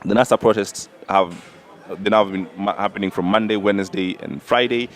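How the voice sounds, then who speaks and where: A man with a low voice debates politics on a talk show. He talks insistently and emphatically, pressing each point with a quick "all right?" before moving on. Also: fairly even intonation, faint music behind. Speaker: podcast co-host.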